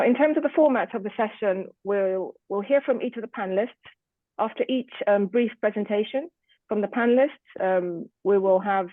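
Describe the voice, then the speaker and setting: A woman with a mid-range voice chairs an online panel in a formal style, speaking to an audience through a video meeting. The recording is dry, though the call audio comes through muffled and lo-fi.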